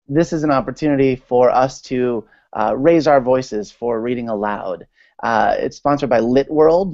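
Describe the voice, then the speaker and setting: An American man in his thirties from Maryland, a literacy advocate, gives an informal, chatty, enthusiastic presentation as a guest on an online video call. His medium-pitched voice is a little mellow, with no room sound. He's in a small room at home using earphones, and the call audio is dull and lo-fi.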